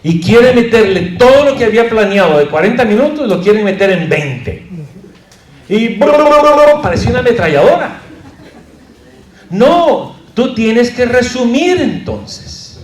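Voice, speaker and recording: Un hombre de voz aguda y muy expresiva, que sube y baja mucho el tono. Da una clase de predicación con bromas y preguntas al público. Se oye en una sala con bastante eco. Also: male voice, high voice, a little slow. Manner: lively, jokey, asks the audience questions. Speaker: pastor teaching a preaching class. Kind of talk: humorous lecture. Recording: roomy echo.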